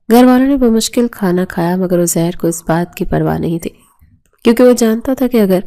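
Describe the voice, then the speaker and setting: A woman narrating a romance novel in a steady, even storytelling voice. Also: on the low side.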